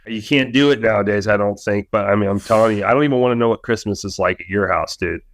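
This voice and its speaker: A man from Arizona raised in Indianapolis, a music producer chatting as an interview guest, friendly and quick to laugh. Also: fairly low pitch. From Indianapolis, raised; born in Arizona. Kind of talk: casual interview chat.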